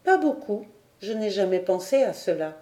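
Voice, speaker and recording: A woman reading a storybook, voicing a naive, gentle young girl close to her own voice. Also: medium pitch, sing-song, normal speed, close to an everyday voice. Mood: innocent. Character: simple, candid young girl, painter's daughter. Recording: roomy echo.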